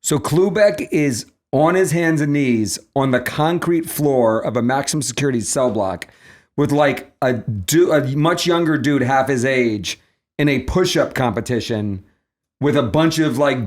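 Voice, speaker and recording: A man appearing as a guest on a podcast, chatting casually and teasing the host with quick jabs. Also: medium pitch, expressive. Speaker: podcast guest, film producer.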